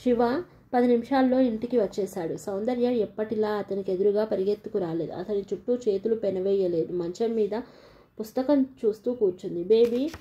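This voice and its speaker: A woman narrating a novel in an even storytelling manner. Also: medium pitch, fairly quick. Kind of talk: audiobook novel reading. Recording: dull lo-fi recording.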